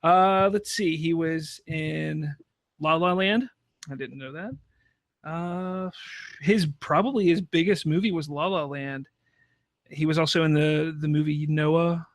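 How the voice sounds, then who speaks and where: A man hosting a podcast, chatting casually about film news in a halting way with repeated restarts. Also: a little high, dry recording. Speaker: podcast host.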